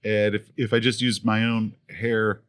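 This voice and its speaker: A man's voice: fairly low pitch, measured pace. A man guest on a podcast, telling anecdotes in casual chat with frequent restarts, laughter and acted-out quoted voices. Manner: animated storyteller who acts out quoted voices. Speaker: podcast guest, video creator.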